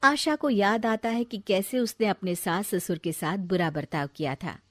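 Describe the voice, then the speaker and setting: A woman narrating a bedtime storybook in a calm, even storytelling manner. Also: medium pitch, moderate pace, dry recording, clean studio sound.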